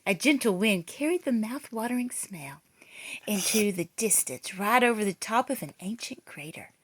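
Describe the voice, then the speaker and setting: A woman reads a children's picture book aloud, telling the story dramatically with theatrical emphasis. Her medium-pitched voice is expressive and moves at a moderate pace.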